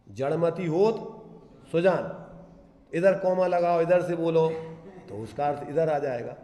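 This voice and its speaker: Man, religious teacher, scripture discourse, slightly high voice, long hall reverb. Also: darkish tone. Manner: rhetorical questions, chants verses slowly. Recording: echoey hall.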